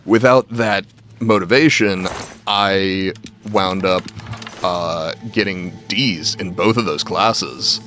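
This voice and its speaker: A young game livestreamer with a deep, slightly bright voice talks slowly to his viewers. He tells rambling, self-deprecating personal stories and swears casually, while game music plays faintly.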